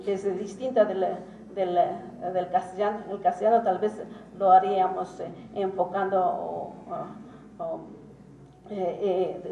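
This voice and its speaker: A woman giving an academic lecture as a teacher, talking haltingly with many pauses and hesitations. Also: mid-range voice, mellow. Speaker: symposium speaker and Quichua teacher. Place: conference hall. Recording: roomy hall, distant mic, faint noise.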